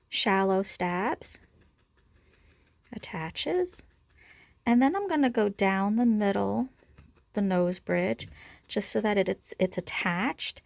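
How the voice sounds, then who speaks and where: A craft tutorial instructor casually demonstrates a project step by step, informally narrating each action as she works. Her voice is medium-pitched and creaky, with no echo.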